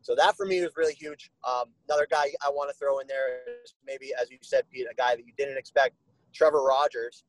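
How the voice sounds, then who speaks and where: A man's voice: mid-range voice, fairly even intonation, fairly quick, poor audio. A man talking as a guest in a casual podcast chat, rambling with lots of "you know" fillers.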